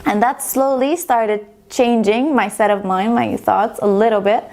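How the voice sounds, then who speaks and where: A woman's voice: on the high side, steady tone, measured pace, a little mellow. A young adult woman, telling her personal story to camera in a chatty, rambling, self-deprecating way. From Estonia. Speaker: vlogger.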